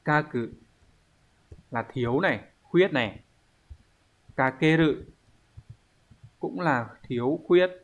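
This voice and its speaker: A man teaching an online language lesson, explaining step by step at an unhurried pace and thinking aloud with pauses. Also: a little high, lo-fi sound. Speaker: Japanese teacher.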